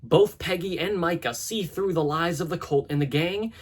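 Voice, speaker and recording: A man with a husky voice narrating a scripted video essay in a conversational, analytical way, with casual asides. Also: on the high side, normal speed.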